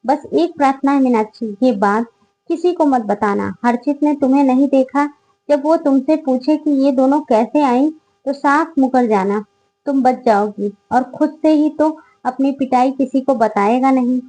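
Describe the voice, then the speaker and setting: A woman voicing a quiet but firm young female college student in a read-aloud story. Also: high voice, normal speed, rough recording. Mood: composed. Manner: firm and indignant.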